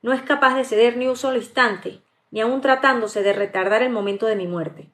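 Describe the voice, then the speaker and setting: A woman's voice: on the high side, normal speed, fairly bright tone, lightly acted. A woman reading the part of a feverish, passionate dying young woman in a live audiobook, with stumbles and restarts. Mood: longing. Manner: read aloud plainly, with stumbles and restarts.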